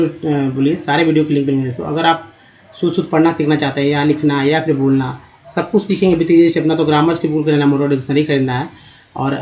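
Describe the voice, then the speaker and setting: Male teacher, slightly high voice, drawn-out repetitive phonics lesson. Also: darkish tone. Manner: slow, repeats words syllable by syllable; addresses viewers as friends. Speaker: English teacher.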